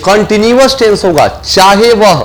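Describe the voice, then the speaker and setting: Animated, high-voiced male Hindi-speaking teacher. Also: low-quality recording. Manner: asks the class questions and answers them himself; repeats key phrases slowly for emphasis. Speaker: English teacher. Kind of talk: classroom grammar lesson.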